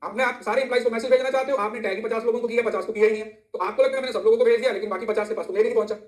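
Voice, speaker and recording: Fast, high-voiced teacher in an echoey room. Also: male voice, steady tone. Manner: checks in with listeners, repeats key terms. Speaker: exam-prep teacher. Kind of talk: code-mixed lecture. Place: indoor room near a road.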